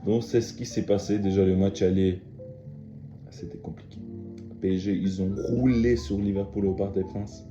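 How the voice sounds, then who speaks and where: A man's voice: low voice, steady tone, moderate pace. A young man casually talking through football matches and transfers as a video host, chatty and emphatic, with lots of fillers and restarts. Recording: dull lo-fi sound in an echoey room with faint music.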